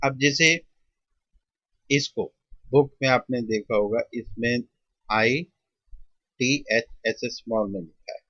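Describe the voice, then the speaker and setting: A man teaching shorthand step by step, drawing out and repeating each sound with pauses, in an Indian Hindi-English mix. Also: medium pitch, pushed and bright, dry recording, muffled recording. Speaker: shorthand tutor. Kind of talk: step-by-step classroom explanation.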